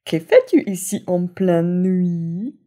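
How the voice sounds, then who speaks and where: A woman voicing a sly, hungry big male fox in a storybook, teasing in a drawn-out way. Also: fairly low pitch, expressive, mellow.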